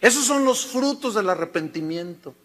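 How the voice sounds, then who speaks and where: Bright-voiced preacher. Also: male voice, high voice, lively intonation, moderate pace. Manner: storytelling, addresses listeners as brother. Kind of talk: sermon.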